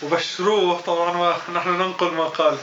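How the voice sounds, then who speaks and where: A man's voice: a little high, very fast, bright, forceful tone. A man, a jovial student joking with his sheikh during a lesson. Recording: roomy dull tape with clear hiss.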